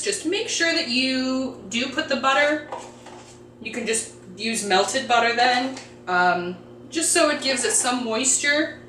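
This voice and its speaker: A woman's voice: high-pitched, pushed and bright, a little hiss or hum. A woman hosting a home cooking video, chatting enthusiastically as she walks through a recipe in her kitchen. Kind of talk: casual cooking demonstration. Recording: echoey kitchen, mic at a distance.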